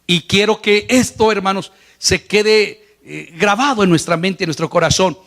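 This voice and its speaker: A man's voice: high voice, normal speed, fairly bright tone. A man preaching a sermon in Spanish as pastor, earnest, his voice lifting when he retells scenes. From Latin America. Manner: earnest preaching, voice rising on quoted lines.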